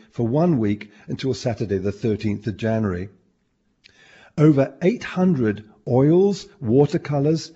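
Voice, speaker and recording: A hoarse man in chatty radio talk, wry and clearing his throat now and then. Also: mid-range voice, warm tone, muffled recording. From Australia. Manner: chatty, wry, reads out items.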